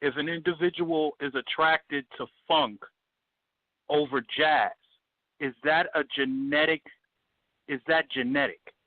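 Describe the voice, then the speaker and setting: A man calling in to a talk show over a phone line, asking a question in halting bits and often starting over. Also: on the high side, steady tone, no echo. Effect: heard over a phone line. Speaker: caller.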